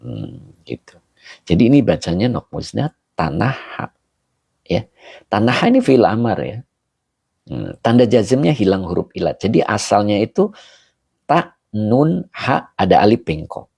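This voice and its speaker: A man's voice: lowish voice, very animated, a little slow, vocal fry, long pauses, a little mellow, breathy edge, dry recording. A man teaching as an Islamic scholar on a live stream, chatting and greeting viewers by name between grammar explanations. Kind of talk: live-streamed kitab study, reading comments aloud. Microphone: handheld camera he holds himself.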